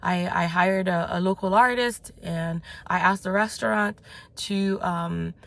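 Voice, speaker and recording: A woman's voice: fairly low pitch, unhurried, vocal fry, a bit bright. A woman who grew up in the United States, talking in a motivational vlog as a business coach. She is blunt and swears casually, rambling loosely with lots of fillers and restarts.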